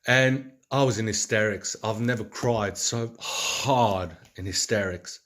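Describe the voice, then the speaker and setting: A man's voice: fairly low pitch, measured pace, a bit bright. A man speaking in an earnest, rambling reflective monologue, with many fillers and restarts. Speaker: vlogger.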